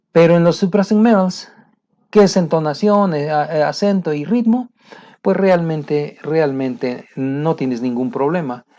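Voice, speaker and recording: A man's voice: medium pitch, dark tone. A man gives a casual spoken lesson as an English teacher, hesitating often with fillers and restarts. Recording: dull lo-fi sound.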